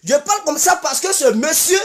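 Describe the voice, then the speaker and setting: An Ivorian woman delivers a fiery political commentary straight to her viewers. Her high voice rises and falls dramatically as she hammers home the same insistent declarations again and again. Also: lively intonation, moderate pace, soft background music. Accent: Ivorian French. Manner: emphatic, repeats insistent declarations. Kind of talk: impassioned political commentary monologue.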